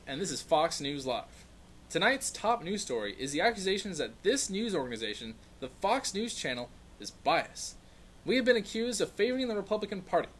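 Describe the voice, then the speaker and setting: A smug parody TV news anchor, acted by a man, pitched high and very animated. He delivers satirical news in a mock-earnest, self-important way. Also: slight background noise. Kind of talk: scripted news satire sketch.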